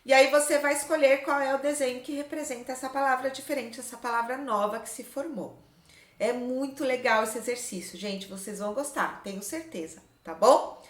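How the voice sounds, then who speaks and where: Brief: female literacy teacher, high bright voice, patient sing-song explaining, echoey room. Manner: slow, sing-song explaining with frequent "tá?" checks. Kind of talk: literacy lesson for young children.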